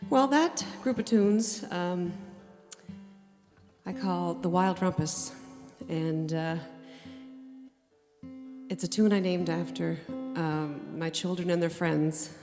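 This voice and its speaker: Middle-aged woman, folk musician, homey stage patter, slightly low voice, long reverb of a concert hall. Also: slow pace, darkish tone, soft background music. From Cape Breton, Nova Scotia, Canada. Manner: chatty, homey storytelling with many fillers. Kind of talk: stage banter between tunes. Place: museum hall, live concert.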